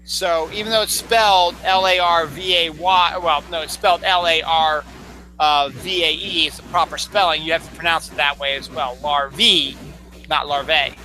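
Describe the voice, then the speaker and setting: A man's voice: a little high, fairly even intonation, moderate pace, sharp tone, a little hiss or hum, rough recording. A man co-hosting a casual chat, joking and repeating words as he tries them out. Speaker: co-host.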